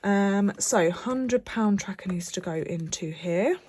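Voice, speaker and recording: Slowly, in a medium-pitched and slightly mellow voice over slight background noise, a young British woman with a cold chats about her budget. She's a budgeting vlogger stuffing cash envelopes on camera, talking in a rambling, chatty way with many fillers and restarts.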